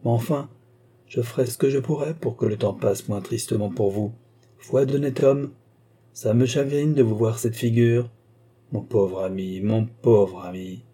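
A man voicing a blustering, hearty old gentleman card player in an audiobook, boisterous and full of exclamations. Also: medium pitch, a little slow, slightly rough.

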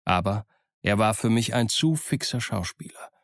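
A man narrating an audiobook in a calm, measured storytelling manner. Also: on the low side, no room sound, studio quality. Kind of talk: scripted narration.

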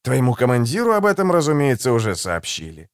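A man reading an audiobook, voicing a suave, condescending male assassin in a soft, low, silky voice. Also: huge pitch swings, brisk, clear, resonant tone, no echo, studio quality. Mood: silky, ironic. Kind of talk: audiobook character voice.

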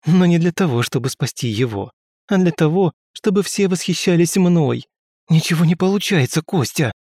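A man's voice: on the high side, lively intonation, normal speed, a little mellow, no echo, clean studio sound, voice pushed up. A man voicing an anxious young grand duke who speaks in an earnest, pleading way. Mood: desperate.

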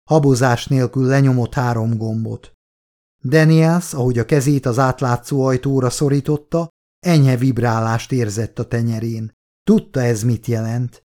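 A man narrating an audiobook in a steady, measured reading style, voicing characters' quotes quietly. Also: mid-range voice.

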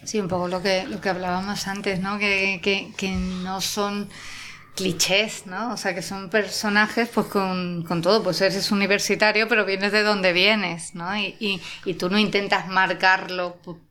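A woman speaks as a panel guest in a very even, level tone. She reflects aloud with many fillers and restarts. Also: medium pitch, unhurried, slight background noise. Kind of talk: casual interview talk.

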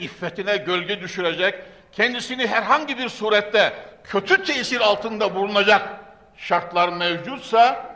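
A man preaching a sermon into a pulpit microphone in a large hall. He declaims Arabic quotations and then drops to hushed, earnest tones. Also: high voice. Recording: echoey hall with long reverb.

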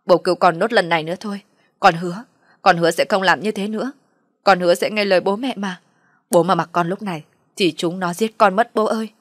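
A woman's voice: medium pitch, breathy edge, no room sound, clean studio sound, close to an everyday voice. A woman voicing a frightened young man pleading with his father. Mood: begging. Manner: hurried desperate pleading.

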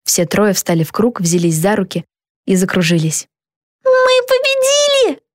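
A woman narrating a children's storybook in a lively, expressive way. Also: lowish voice, normal speed, slightly rough, dry recording, clean studio sound. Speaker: audiobook narrator.

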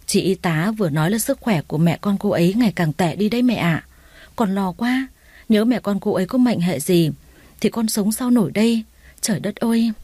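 A tense young husband bursts out in urgent, worried questions, read by a woman narrating an audiobook. The tone stays mellow and dark rather than bright. The sound is close and dry, with no room around it. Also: medium pitch, brisk, slightly rough, no echo, lightly acted. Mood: agitated. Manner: urgent, agitated outbursts. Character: anxious young husband, quick-tempered.

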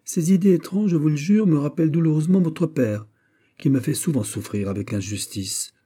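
A dignified queen mother scolding in a raised, husky voice, as a man puts her on in an audiobook. The tone stays dark and mellow under the stern, admonishing delivery. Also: fairly high pitch, fairly quick, voice pushed up. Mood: reproving. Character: proud, reproving queen mother. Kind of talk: audiobook character voice.

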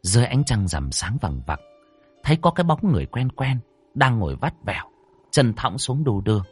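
A man's voice: medium pitch, very animated, a little fast, a little mellow, breathy edge, soft background music. A man narrating a ghost story dramatically, voicing each character himself. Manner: dramatic, acting out every character.

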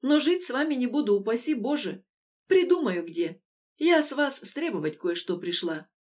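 A woman's voice: on the high side, big pitch swings, darkish tone. Woman voicing a blunt older mother. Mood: brisk. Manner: brisk, plain-spoken. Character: older mother, blunt, decisive, warm-hearted.

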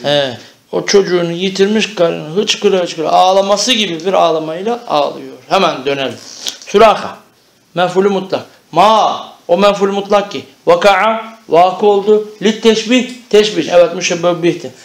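High-pitched guy teaching a grammar class, slow drawn out words, keeps asking if everyone got it. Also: vocal fry. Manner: explains step by step, often checks with "Tamam? Anlaşıldı?".

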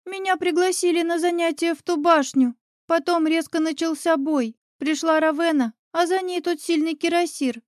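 A woman's voice: fairly even intonation, moderate pace, no room sound, clean studio sound. A woman doing a small frightened girl witch. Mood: tearful. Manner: high, urgent, childlike.

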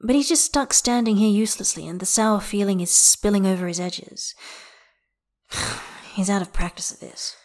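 A woman's voice: mid-range voice, moderate pace, darkish tone. Woman reading a novel aloud. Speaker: narrator. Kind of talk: audiobook reading of fiction.

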